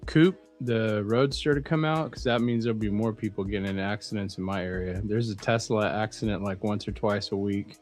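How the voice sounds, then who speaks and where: A man co-hosting a casual livestream chat, rambling and animated as he tells stories. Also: fairly low pitch, a little fast, few pauses, faint music behind. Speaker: co-host.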